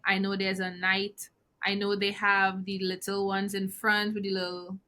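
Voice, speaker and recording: A woman with a bright, crisp voice hosts an interview podcast. She asks curious, chatty questions, often padding them with little fillers. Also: mid-range voice, monotone, moderate pace. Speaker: podcast host.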